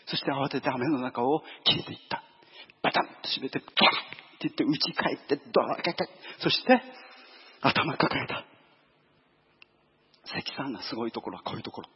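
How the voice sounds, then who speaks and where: A man preaching a storytelling sermon, lively and acting out voices and sound effects. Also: medium pitch, husky. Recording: dull lo-fi recording.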